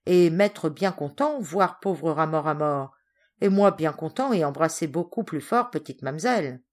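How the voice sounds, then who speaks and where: Woman voicing a big blunt sailor, forties, loud broken pidgin, storybook. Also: expressive, unhurried. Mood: loud, storytelling. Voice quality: broken pidgin French, booming. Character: burly sailor man in his forties, hearty and blunt.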